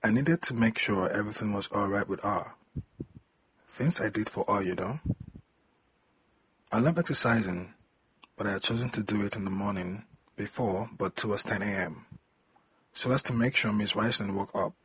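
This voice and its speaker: A man reading a story aloud in a plain, steady storytelling manner. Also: on the low side, normal speed, long pauses, a little hiss or hum, low-quality recording. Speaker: story narrator.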